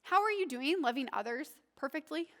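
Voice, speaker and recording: Woman pastor, high voice, earnest and conversational sermon delivery. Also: lively intonation, brisk. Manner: conversational, earnest, asks the congregation questions.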